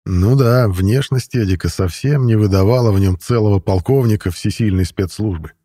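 Guy reading a first-person audiobook, steady even delivery, deep mellow tone, dry sound. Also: moderate pace, husky, dry recording. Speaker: audiobook narrator.

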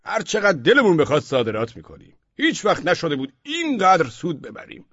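A man's voice: fairly high pitch, wildly swooping pitch, a bit bright, dry recording, voice pushed up, heavily acted. A man voicing a smug, boastful merchant in an audiobook, emphatic and self-satisfied. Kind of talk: audiobook character voice. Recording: dull, dry audio.

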